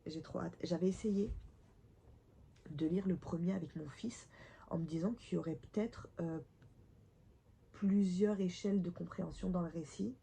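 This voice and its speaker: Woman book vlogger, eager casual chat, dark warm tone, gravelly, camera mic at home. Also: lowish voice, moderate pace, long pauses. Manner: chatty, enthusiastic, with frequent restarts and whispered asides.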